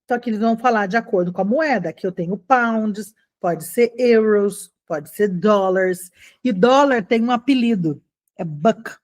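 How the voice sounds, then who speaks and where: A middle-aged woman teaching an English lesson in a chatty, encouraging way, slowing down to model phrases. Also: mid-range voice, a little mellow. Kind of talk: casual online English lesson.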